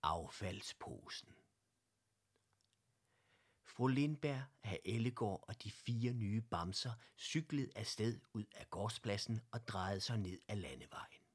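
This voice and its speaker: Lowish-voiced man reading a children's story. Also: slightly rough. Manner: gentle, lively read-aloud voice that acts out every character. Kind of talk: children's audiobook narration.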